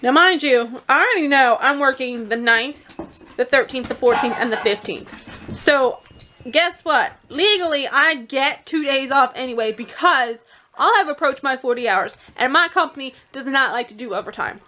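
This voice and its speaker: A young female vlogger pours out the story of a stressful workday to her audience, emotional and near tears, rambling and restarting her sentences. Her high voice is expressive, pushed and bright at a moderate pace, with slight background noise.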